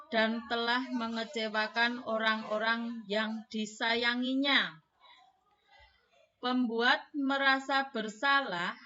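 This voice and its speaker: A woman teacher giving a scripted lesson, speaking in a measured way and addressing her audience formally. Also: on the high side, bright, forceful tone, dull audio.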